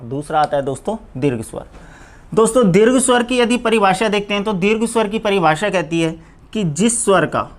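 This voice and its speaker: Male teacher with a Rajasthani Hindi accent, running a live exam-prep class, answers his own questions and dictates slowly. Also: high voice, lively intonation. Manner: asks questions then answers them himself; repeats "दोस्तों" often. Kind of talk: live online grammar class.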